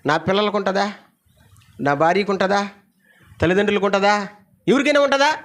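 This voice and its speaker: A middle-aged man preaching a Sunday sermon, calling out to the congregation for responses, firing off rhetorical questions and swinging between loud exclamations and low asides. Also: a little fast. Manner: asks the audience many rhetorical questions. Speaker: pastor.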